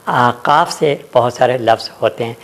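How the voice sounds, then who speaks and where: A man teaches a spoken language lesson. He explains step by step, pausing often with drawn-out fillers and repeating his examples. His pitch sits at an ordinary middle height for a man. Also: a bit bright. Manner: explains slowly with many hesitations and examples. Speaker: Urdu teacher.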